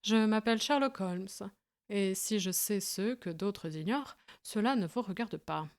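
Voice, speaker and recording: A woman reading an audiobook, voicing a shrewd male detective in a smooth, measured manner. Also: medium pitch, lightly acted. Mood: calm.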